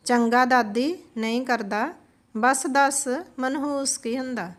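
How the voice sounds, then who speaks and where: A woman's voice: high-pitched, takes it slowly. A woman voicing an innocent young boy who speaks earnestly and pleads.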